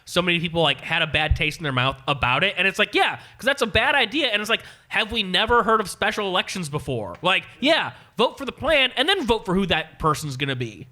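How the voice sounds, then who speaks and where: Male guest with a high, bright, lively voice, earnest and hedgy. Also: a little fast, few pauses. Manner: earnest, hedging, lots of filler likes. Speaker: podcast guest. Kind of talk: casual live-show discussion. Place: live show taping.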